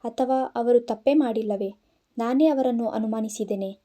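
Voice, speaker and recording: A woman playing a sad, gentle young wife. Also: a little high, moderate pace, lightly acted. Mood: doubting. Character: sad, gentle young pregnant woman, soft-hearted aunt.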